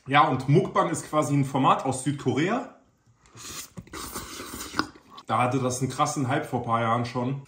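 Young youtuber guy just chatting, slangy, normal pitch, bit of room echo. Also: a bit bright, a little hiss or hum. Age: 20s. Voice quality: slangy, informal delivery. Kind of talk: casual chat to camera. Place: small indoor room. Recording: roomy, echoey indoor sound.

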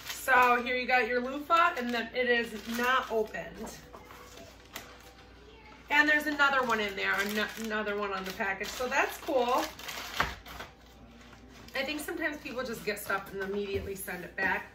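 Woman, upbeat unboxing chatter, fairly high voice, roomy echo, noisy background. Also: lively intonation, unhurried, pauses often, sharp tone. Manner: chatty, upbeat, thinks aloud. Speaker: reseller vlogger. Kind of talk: casual unboxing chat. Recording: echoey room, mic at a distance, noisy.

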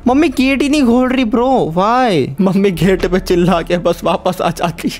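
A man's voice: high-pitched, normal speed. A young man giving playful let's-play commentary, pleading jokingly with the game characters. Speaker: gaming YouTuber.

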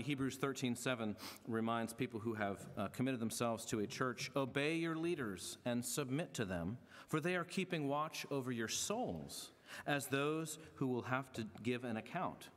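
A middle-aged male pastor speaks from the pulpit of a large church, his voice carrying a long hall reverb. He has a mid-range voice for a man and moves between formal, measured reading and easygoing, joking remarks to the congregation. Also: mid-range voice. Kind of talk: church membership service address. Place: large church sanctuary with stage.

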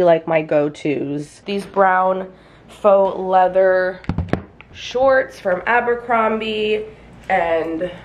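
A young woman hairstylist chatting casually to camera in a small bedroom at home, filling her talk with "like" and gesturing as she goes. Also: fairly low pitch. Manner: chatty, frequent "like" fillers, animated hand gestures. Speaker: hairstylist vlogger. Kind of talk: casual vlog chat to camera.

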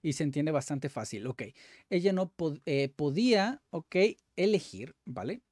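In clean studio sound with no room noise, a man hosting a language-learning video works through exercises, thinking aloud, self-correcting, and frequently saying "vale?" and "ok." His voice is a little high with a darkish tone, very animated yet unhurried.

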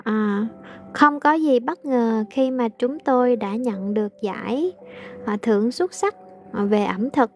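A woman English teacher, translating aloud slowly in a casual lesson with frequent hesitations. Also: on the high side, expressive, soft background music.

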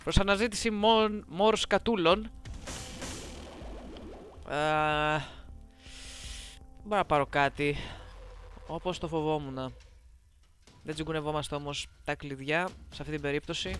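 Soft music plays behind a woman whose voice sits low and fairly bright, with long pauses. She's a gameplay commentator doing a casual let's-play on a close desk mic, teasing and chatting playfully with her viewers.

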